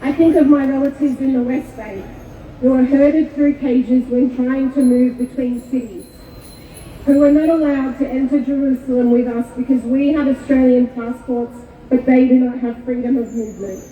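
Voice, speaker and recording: A woman born in Kuwait giving a measured, solemn prepared speech to an outdoor rally. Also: high voice, steady tone, slight background noise. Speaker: rally speaker. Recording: echoey far-off PA with tinny sound.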